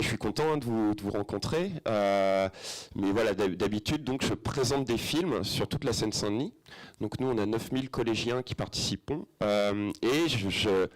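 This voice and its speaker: A middle-aged man presenting a film to a young audience in a cinema auditorium, chatty and hesitant, with many fillers and questions to the room. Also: medium pitch. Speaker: film educator presenting to students. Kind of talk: informal presentation to a school audience.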